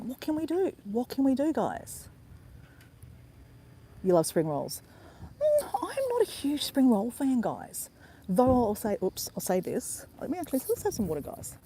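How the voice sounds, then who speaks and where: A woman's voice: a little high, warm tone, slight background noise. An Australian woman chatting casually to her viewers on a live walk, calling them guys again and again. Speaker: travel vlogger. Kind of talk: casual live-stream chat. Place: outdoors in a park by a river.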